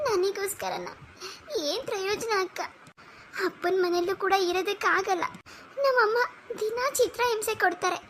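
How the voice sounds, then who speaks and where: A timid young cartoon woman, voiced by a woman, with a very high voice. She speaks in a tearful, pleading way. There is a faint hiss behind her. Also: moderate pace, pauses often, a bit bright.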